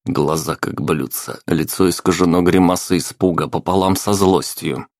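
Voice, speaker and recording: Deep gravelly male audiobook narrator. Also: steady tone, normal speed, dry recording, studio quality. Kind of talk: scripted first-person narration.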